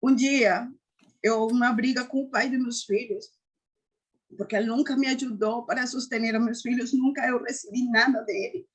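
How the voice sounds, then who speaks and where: A woman giving an earnest personal faith testimony, often halting and restarting. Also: fairly high pitch, steady tone, breathy edge. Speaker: testimony giver.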